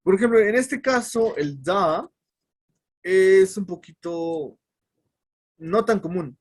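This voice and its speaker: A man's voice: sits high, slow. A man teaching a casual English lesson online. He explains step by step and often stops to correct himself, with fillers along the way.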